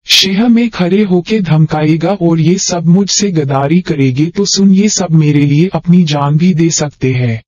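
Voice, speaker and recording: A man voicing an arrogant, hot-tempered male thug boss who talks loudly and boastfully. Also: a little high, a little slow, dry recording. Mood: angry, boastful. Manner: loud and boastful. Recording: dull, dry audio.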